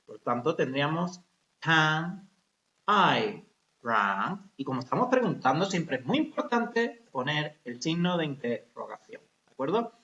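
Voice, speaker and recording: A man teaches English to adults, his voice high and swinging up and down as he explains. He checks constantly that the class is following and slows down to model example sentences. The recording is roomy and a bit muffled. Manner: lively, explains step by step with frequent checks like ¿vale?. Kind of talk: recorded grammar lesson for adults.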